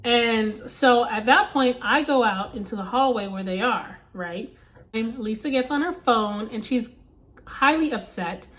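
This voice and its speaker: A woman vlogger casually retelling a story, animated and emphatic, with asides to her viewers. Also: a little high, a little slow.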